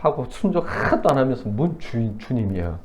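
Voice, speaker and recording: A man's voice: mid-range voice, sing-song, fairly quick. Man preaching in church, blunt and chatty, laughs a lot, voice flies all over the place, bit of hiss. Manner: blunt, colloquial preaching with sudden shouts and drops to near-mutters; laughs often mid-sermon. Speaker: pastor. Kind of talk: sermon.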